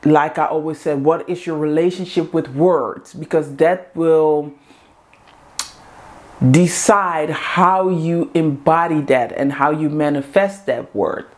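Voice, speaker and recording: Her voice sits low, her intonation is fairly even, and she takes it slowly. She's a woman whose first language is Dutch, hosting a women's group and giving an earnest motivational talk in English to camera, with coaching lines repeated.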